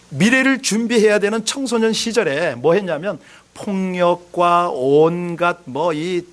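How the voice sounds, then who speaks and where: A man's voice: sits high, a bit bright. A male pastor giving a sermon, earnestly asking the congregation questions and telling a story with rising emphasis.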